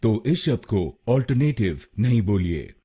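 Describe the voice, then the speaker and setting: A man with an Indian accent giving a slow, deliberate pronunciation lesson, breaking a word into syllables and repeating each one. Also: lowish voice, big pitch swings, dark tone, husky. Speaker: pronunciation teacher.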